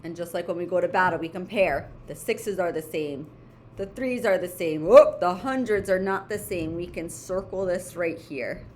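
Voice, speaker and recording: A woman's voice: on the low side, moderate pace, a little mellow, slight background noise. A woman teaching children in a playful, instructional way, breaking steps into short phrases and checking in often as she goes. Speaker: elementary school math teacher. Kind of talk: step-by-step homework lesson for children.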